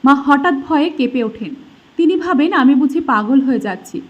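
A high-pitched woman narrates a heartbreaking first-person story in a soft, emotional, scripted way. Her colors the telling. The recording sounds slightly dull and muffled. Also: lively intonation, moderate pace.

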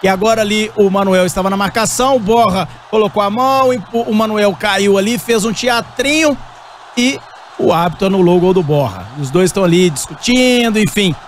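A Brazilian man giving live radio football commentary as match reporter, excitable and emphatic, often repeating his exclamations. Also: high voice, brisk, a little hiss or hum.

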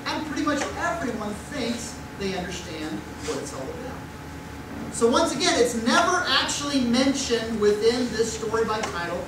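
A middle-aged man preaching a conversational sermon at a pulpit, with rhetorical questions and mock voices, recorded on a distant room mic in a church sanctuary. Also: very high voice. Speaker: pastor. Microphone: far room mic at a pulpit. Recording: echoey church from far off with noise.

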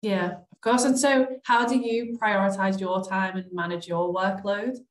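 A woman's voice: medium pitch, steady tone, normal speed. A young woman hosting an interview over a video call, reading an introduction and asking questions in a friendly way. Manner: friendly, reads introductions with fillers. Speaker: host. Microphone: laptop webcam on a video call. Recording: echoey room on a video call.

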